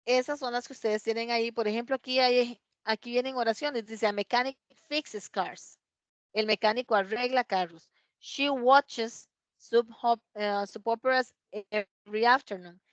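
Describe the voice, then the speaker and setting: Woman teacher, patient and slow, models each word twice, dry close sound, muffled lo-fi audio. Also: on the high side, dry recording. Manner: patient, repeats words slowly to model pronunciation. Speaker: English teacher. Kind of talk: remote class explanation.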